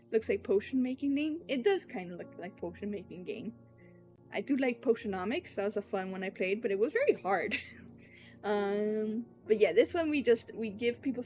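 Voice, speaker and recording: A woman's voice: medium pitch, a little mellow, muffled recording. A woman game streamer giving casual commentary as she plays live. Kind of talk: casual gameplay livestream commentary. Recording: music behind the voice. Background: background music.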